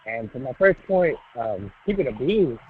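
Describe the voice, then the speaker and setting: A man's voice: medium pitch, sing-song, moderate pace, slight background noise. A man calling in to a sports talk show, his voice muffled because the phone is held away from his mouth, talking in a laid-back, rambling way. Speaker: sports radio caller. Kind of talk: casual call-in chat. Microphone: phone on speaker, held away. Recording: muffled, tinny phone line.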